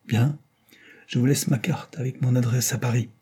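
A man's voice: mid-range voice, fairly even intonation, moderate pace, warm tone, husky. A man doing a formal old general. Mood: courteous. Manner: formal, polite.

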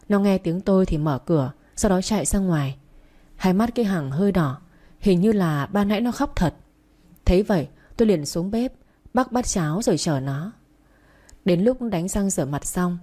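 Low, mellow woman narrating a story. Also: animated, normal speed. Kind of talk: first-person audiobook narration.

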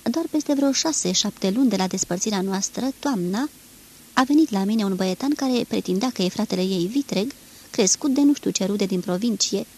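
Woman reading a resigned man, flat, neutral, slightly husky, gravelly, audiobook. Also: high voice. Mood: flat recounting. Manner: flat, neutral, matter-of-fact. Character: weary middle-aged man, detached and resigned.

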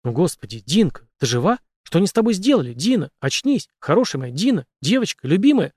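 A man voicing a big, kind-hearted young man who talks urgently in a rough, colloquial way. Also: high voice, very animated, quick pace, darkish tone, no room sound, clean studio sound, voice pushed up, heavily acted. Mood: pleading.

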